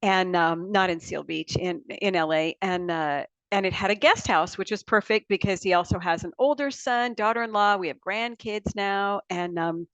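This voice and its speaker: A woman's voice: medium pitch, moderate pace, few pauses, fairly bright tone, dry recording. A middle-aged woman telling rambling, chatty stories as a guest in a casual interview. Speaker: guest author. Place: small backyard writing shed, indoors.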